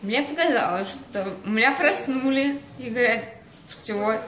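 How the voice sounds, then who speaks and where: A woman's voice: on the high side, a little slow, a bit bright. A young woman chatting casually, groggy from anesthesia with a numb mouth, slurred, confused and repetitive. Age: young adult. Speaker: patient after dental surgery. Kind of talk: casual chat. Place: small dental clinic room, indoors. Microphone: handheld phone a short distance away. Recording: echoey small room.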